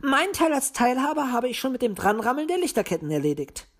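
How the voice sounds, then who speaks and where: A woman's voice: sits high, sing-song, brisk, voice pushed up. A woman voicing a touchy, huffy young male owl. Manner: prickly, huffy.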